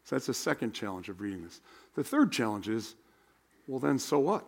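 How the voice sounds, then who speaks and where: An American man preaching as a pastor in a hoarse, worn voice, speaking in a plain, conversational way. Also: medium pitch, sing-song, brisk. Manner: plain-spoken, conversational, rhetorical questions. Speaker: pastor teaching a Bible class. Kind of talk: sermon with spoken prayer and teaching.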